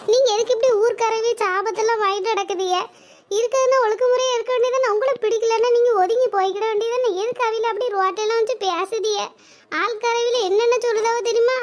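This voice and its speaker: A woman doing a squeaky scolding cartoon mother. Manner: scolding, nagging, reproachful. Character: stern scolding village mother and wife. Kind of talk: cartoon voice acting.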